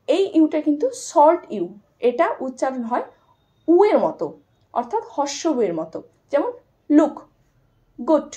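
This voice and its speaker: A woman from Bengal teaches English vowel sounds in a friendly explanatory lesson. Her voice sits high and swings widely in pitch, with an animated, expressive delivery. She lingers on example words to make each vowel clear. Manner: lively and animated, stretching out example words for emphasis.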